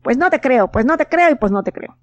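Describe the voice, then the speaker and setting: A woman's voice: high voice, lively intonation, fairly quick, no echo, lo-fi sound, pitched above the performer's own voice. A woman voicing a grumpy, hot-tempered young boy in a storybook, sulky and whiny. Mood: angry.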